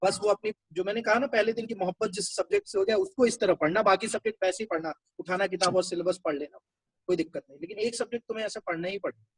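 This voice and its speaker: A man's voice: high-pitched, expressive, fast talker, husky, no room sound, poor audio. A male teacher giving a classroom lecture, talking conversationally and explaining things step by step.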